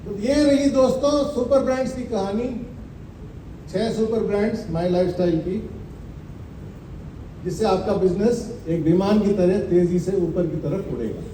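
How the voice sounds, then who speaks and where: Man, high voice, mellow tone, seminar presenter, emphatic, rhetorical questions, echoey hall, distant mic. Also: a little hiss or hum. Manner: repeats slogans slowly for effect. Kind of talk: motivational business presentation.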